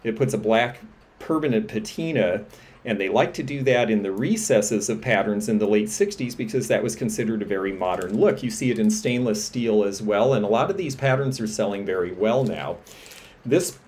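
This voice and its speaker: Indoors against a textured wall, a middle-aged antiques dealer enthusiastically shows vintage pieces for sale to a camera in a show-and-tell selling vlog. His voice is on the low side and darkish, at a normal speed.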